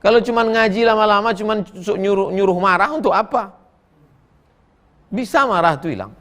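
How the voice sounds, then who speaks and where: A man's voice: sits high, moderate pace. A middle-aged male preacher, answering questions from the audience in a folksy, joking way. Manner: folksy, joking, animated storytelling. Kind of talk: humorous question-and-answer sermon.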